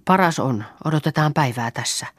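A woman's voice: low-pitched, animated, breathy edge, dry recording, studio quality. A woman voicing an anxious, pious young farm girl who pleads and prays aloud. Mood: calm.

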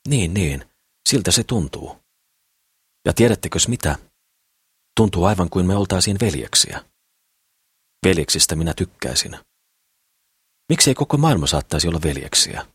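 A man's voice: low voice, sing-song, pauses often, slightly rough, no room sound, studio quality, exaggerated voice. A man reading the lines of a naive, idealistic poor man in an audiobook, in an eager, rambling way. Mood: earnest.

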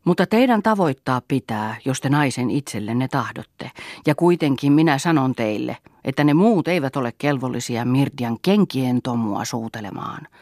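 A man's voice: medium pitch, lively intonation, darkish tone, no echo, clean studio sound, lightly acted. A man voicing an older male veteran reveler who gives a solemn, sentimental toast.

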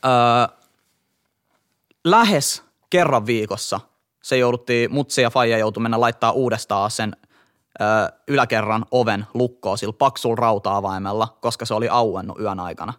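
A young man co-hosting a podcast, telling a story in a casual chat with lively jumps in pitch. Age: young adult. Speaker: podcast co-host.

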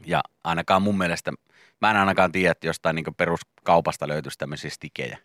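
A man from northern Finland co-hosting a casual morning radio chat, animated and jokey. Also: low-pitched, dry recording, clean studio sound. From Kemi, Finland. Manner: animated, jokey, drawn-out emphasis. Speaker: radio show co-host.

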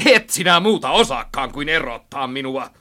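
A man reading a storybook aloud and voicing a loud, stubborn male police chief who stammers when he argues. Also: medium pitch, lively intonation, voice pushed up. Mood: quarrelsome.

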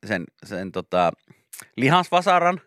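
A young man co-hosting a morning radio show, telling relaxed anecdotes in casual chat. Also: medium pitch, dry recording, studio quality. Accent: Finnish. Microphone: studio microphone.

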